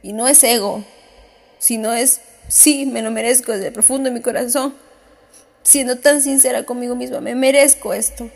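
A woman's voice: a little high, steady tone, normal speed, creaky, a little mellow. A woman podcast host, crying as she speaks, giving a heartfelt motivational monologue with repeated self-affirming phrases. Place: on the way home.

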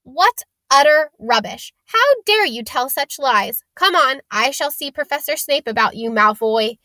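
A woman's voice: sits high, lively intonation, a little slow, bright, forceful tone, no room sound, pitched above the performer's own voice, heavily acted. A woman voicing a stern, outraged older female school professor in a storybook, scolding sharply and indignantly. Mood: scornful.

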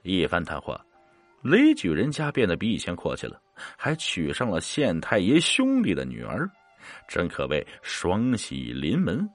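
Male storyteller, low voice, expressive dramatic narration, dry close sound. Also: unhurried, dry recording, soft background music. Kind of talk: scripted ghost story narration.

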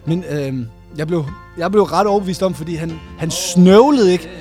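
A man co-hosting a casual chat, telling an animated story with plenty of laughs. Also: sits high, soft background music. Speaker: podcast co-host.

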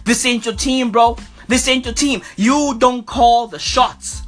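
A man hosting a sports podcast in an animated, taunting fan rant, full of slang and repeated phrases for emphasis. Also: very high voice, unhurried, faint music behind. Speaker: podcast host.

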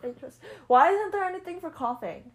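A young woman co-hosting a casual chat podcast, telling stories in a giggly, animated way. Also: very high voice, brisk. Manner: giggly, animated storytelling with playful voices. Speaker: podcast co-host.

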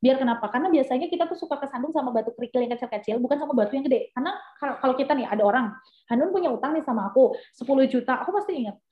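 Young businesswoman guest, chatty and animated, fairly high voice, roomy echo. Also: racing. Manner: chatty, animated, with many fillers. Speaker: entrepreneur guest. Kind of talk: casual interview chat. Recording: echoey, dull lo-fi sound.

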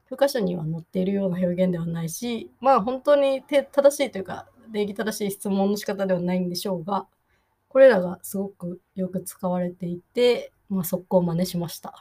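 A woman hosting a solo podcast, chatting casually with many fillers and explaining phrases, quoting English slowly. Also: mid-range voice, warm tone. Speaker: podcast host.

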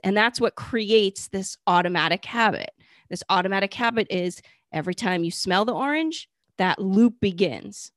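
A woman co-host talks through an idea in an easy, conversational way and gives plenty of agreeing "mm-hmm"s along the way. Her voice sits at a middle pitch for a woman. The recording is dry and close. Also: lively intonation, normal speed, no room sound. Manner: frequent affirming "mm-hmm" and laughs. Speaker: podcast co-host. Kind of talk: casual conversational explaining.

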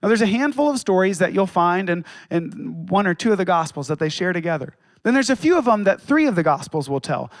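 A man preaches a sermon with a fairly high voice. He leans on dramatic pauses and acts out quotes. The sound is dry and close, with little room echo. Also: very animated. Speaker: pastor.

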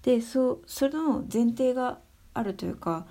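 A young adult woman giving her views in a casual spoken monologue, soft and thinking aloud with many fillers. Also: on the high side, lively intonation, measured pace. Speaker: speaker sharing views on education.

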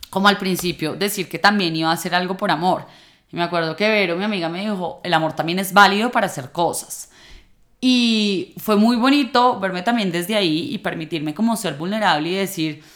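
A woman's voice: mid-range voice, fairly bright tone. Woman, late 20s, personal vlog talk, thoughtful and chatty with restarts. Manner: reflective, conversational, frequent fillers and restarts.

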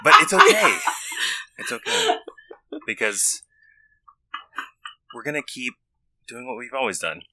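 A man co-hosting a casual podcast, joking in a halting way among friends. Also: medium pitch, huge pitch swings, very noisy. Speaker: podcast co-host. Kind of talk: casual bantering group chat.

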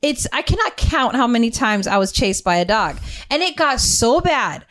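A woman hosting a family podcast, telling a childhood story in an animated way and laughing often. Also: on the high side, normal speed. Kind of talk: casual family chat.

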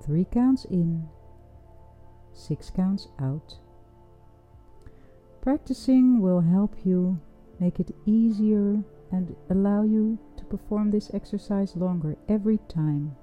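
A woman leading a guided breathing meditation in a soft, soothing, unhurried voice with long pauses. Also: mid-range voice. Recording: dull, muffled sound with music underneath. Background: music.

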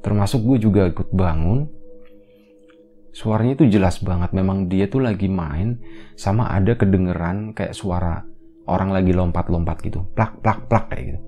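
A man casually retelling a horror story as a podcast storyteller, in a relaxed, rambling, conversational way. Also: sits low, moderate pace, a little hiss or hum.

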